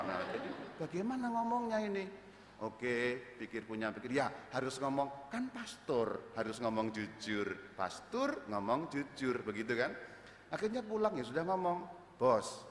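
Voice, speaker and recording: Lively male priest in echoey church. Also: medium pitch, a little hiss or hum. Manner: lively storyteller, acts out surprise, loud bursts. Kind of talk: homily telling a personal story. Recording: echoey church with long reverb.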